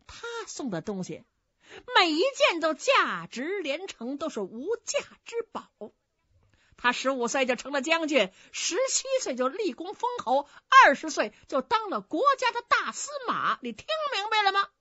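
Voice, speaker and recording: A woman voicing a clever, sharp-tongued innkeeper's wife who scolds, in a dry, slightly dull recording. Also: high-pitched, very animated, no echo, pitched above the performer's own voice, heavily acted. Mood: scolding. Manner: scolding, quick-witted.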